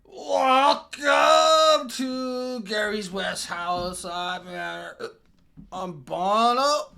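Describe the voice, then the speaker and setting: A man voicing a drunken bar emcee in a tabletop game, with a dopey, booming bellow and slurred, stretched-out words. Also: drawn-out words, gravelly, sharp tone, clear, resonant tone, heavily acted. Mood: drunken welcome. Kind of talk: tabletop role-play announcing.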